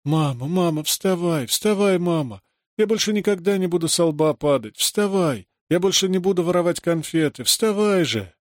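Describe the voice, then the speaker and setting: A man's voice: high voice, lively intonation, normal speed, no room sound, clean studio sound, voice pushed up. A man reading aloud and voicing a small, frightened boy who pleads desperately. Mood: pleading.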